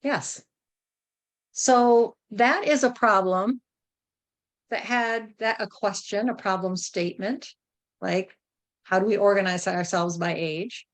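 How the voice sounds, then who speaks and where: A woman in her fifties leading a group workshop over a video call, thinking aloud with pauses and frequent checks like "right?". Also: mid-range voice, steady tone. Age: 50s. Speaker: workshop facilitator.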